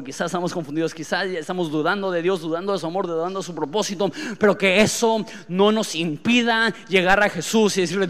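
A man, preaching a sermon in a conversational way, dropping to quiet asides and rising to loud, emphatic outbursts. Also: fairly high pitch, big-room sound. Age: late 20s. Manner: conversational, uses rhetorical questions.

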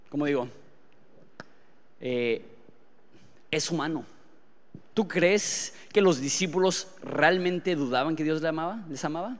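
Impassioned preacher in a big hall. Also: male voice, a little high. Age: late 20s. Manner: swings from hushed asides to loud emphatic outbursts; conversational, uses rhetorical questions. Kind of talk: sermon.

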